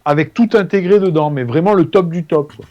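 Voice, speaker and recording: A man's voice: on the high side, brisk, a little mellow, dull audio. A man co-hosting a casual tech chat, laid-back and drily teasing. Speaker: co-host.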